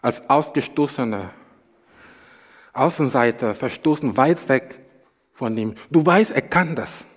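A man preaching a sermon, slow and emphatic, repeating phrases and rising into bursts of emphasis. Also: medium pitch, lively intonation, breathy edge.

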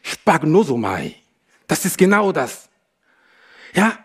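Slow, emphatic male preacher. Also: fairly high pitch, sing-song, fairly bright tone, breathy edge. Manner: slow, emphatic preaching with repeated phrases and rising bursts of emphasis. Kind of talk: sermon.

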